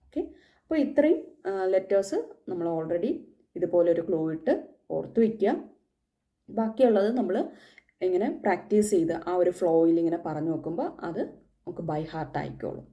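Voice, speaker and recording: A woman's voice: fairly low pitch, lively intonation, normal speed, pauses often, dark tone. A woman from Kerala teaching the German alphabet in a casual spoken lesson, patiently repeating each letter.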